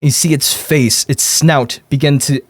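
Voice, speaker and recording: A man working as game master, improvising descriptive narration in halting phrases. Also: a little high, fairly even intonation, no room sound, studio quality.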